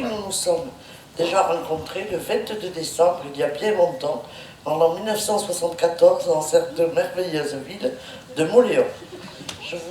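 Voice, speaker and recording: A woman audience participant reading slowly aloud, recorded from a distance in a noisy room. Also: lowish voice, reverberant.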